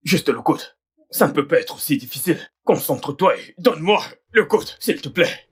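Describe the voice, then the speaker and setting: A man's voice: a little high, expressive, moderate pace, slightly rough. An actor playing a manipulative man who wheedles and insists, repeating his demands over and over. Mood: coaxing, pushy. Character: pushy, manipulative man scheming for a password.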